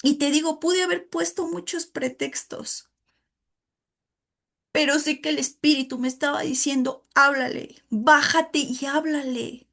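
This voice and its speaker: A woman leads an informal women's Bible study. She preaches earnestly and with feeling, warmly calling her listeners "hermano" between her points. Her voice sits somewhat high for a woman. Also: steady tone, measured pace, creaky, long pauses. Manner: addresses listeners as "hermano" often, emotional and earnest. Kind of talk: informal sermon with personal testimony.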